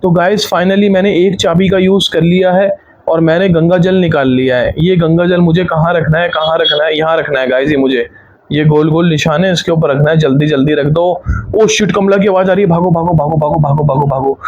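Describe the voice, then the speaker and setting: A young man with a fairly high voice gives a nervous running commentary while he plays a horror game. He narrates every hiding spot and every item to his viewers in a quick, jumpy way. The mic sounds dull and lo-fi. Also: steady tone. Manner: frightened, hurried live narration of his moves. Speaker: gaming YouTuber.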